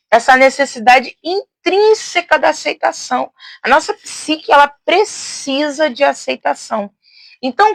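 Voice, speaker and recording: A woman teaching in a casual, talkative way, speaking loudly and expansively with frequent tag questions and restarts. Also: on the high side, dry recording. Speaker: teacher and host. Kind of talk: casual teaching on faith and psychology.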